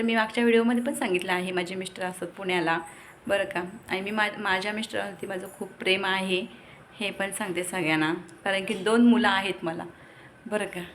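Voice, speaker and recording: A woman's voice: medium pitch, a bit bright, slight background noise. Chatty young mother vlogging at home. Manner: chatty, scolding her kids between asides. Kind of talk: casual family vlog chat to viewers. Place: home with a gallery.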